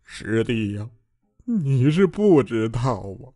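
A man's voice: on the low side, sing-song, unhurried, no echo. A man voicing a pompous, chubby male sword master who swings from smug murmuring to panicked squealing, in an audiobook. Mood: self-pitying. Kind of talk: audiobook character voice.

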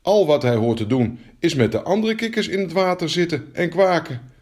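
A man's voice: on the high side, lively intonation, moderate pace, darkish tone, pitched above the performer's own voice, lightly acted. A man voicing a spoiled, fearful young princess in a fairy tale, stammering and whiny. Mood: flustered.

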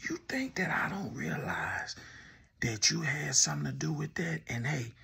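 A man delivers teasing commentary straight to the camera, needling his target and breaking into laughter often. His voice is rough and gravelly with a bright, sharp edge. His pitch swings widely as he talks. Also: big pitch swings, moderate pace. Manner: teasing, laughs often, addresses the subject directly. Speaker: commentary host. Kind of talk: mocking commentary speaking to the camera.

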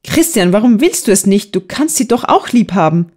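A woman's voice: mid-range voice, sing-song, moderate pace, darkish tone, pitched above the performer's own voice. A woman reading a sweet little girl who talks in a pleading, childlike way in an audiobook.

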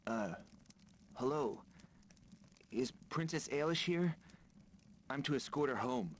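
A man's voice: medium pitch, expressive, slow pace, slight background noise. A man voicing a polite, dutiful young escort in a video game, a little hesitant.

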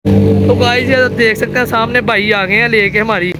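A Pakistani man in his 20s chats casually for a vlog on city streets at night, holding his phone at arm's length. His voice is very high with fairly even intonation at normal speed, and heavy background noise including music surrounds him.

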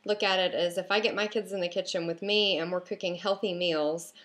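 A woman's voice: lowish voice, fairly even intonation, a little fast, fairly bright tone. A woman in her thirties giving practical tips in a casual vlog from her home kitchen, chatty and full of "um" and "you know", recorded on a webcam. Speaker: vlogger and mother. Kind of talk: casual talking-head vlog. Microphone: webcam at arm's length.

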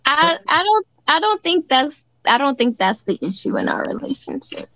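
A woman in her late thirties chats easily as a podcast guest. Her voice sits a bit high, and the sound is dry and close. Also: big pitch swings, moderate pace, pushed and bright, no room sound. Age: 30s. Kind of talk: casual chat on a call.

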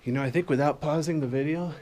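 A man quietly narrating as he explores a lava tube cave with a handheld camera, a little out of breath and muttering asides. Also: a little high, fast talker. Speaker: cave explorer filming himself.

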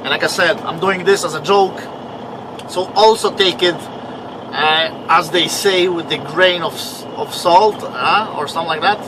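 A man's voice: a little high, unhurried, noisy background. A man in his thirties with a foreign accent, English not his first language, vlogging from his truck cab at night in a rambling, swearing, self-mocking way. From Canada. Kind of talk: casual vlog diary.

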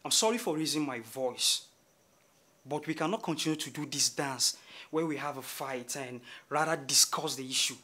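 A man's voice: medium pitch, moderate pace, pushed and bright. A man playing a frustrated young boyfriend who wants to talk things out, earnest and pleading. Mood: exasperated. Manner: earnest, pleading, rising to exasperation. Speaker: live-in boyfriend. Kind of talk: short film drama.

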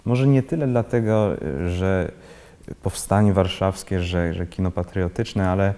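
A man in his thirties who grew up in Switzerland, an actor being interviewed, talking haltingly and restarting often as he searches for words. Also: low-pitched, fairly even intonation, dark tone, clean tone, big-room sound. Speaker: actor, guest. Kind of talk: casual interview talk. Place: indoor library room with bookshelves, seated in armchair.

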